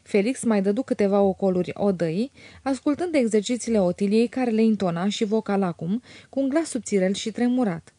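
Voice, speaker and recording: A woman narrating a classic novel as an audiobook in a measured, even way. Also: mid-range voice, no echo.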